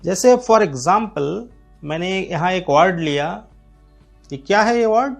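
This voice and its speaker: An Indian man gives an English reading lesson with a high, lively voice that rises and falls a lot. He talks slowly and stretches out each English term. Soft music plays behind him. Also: creaky. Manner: slow, drawn-out delivery of English terms. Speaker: English teacher. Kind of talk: explanatory lesson.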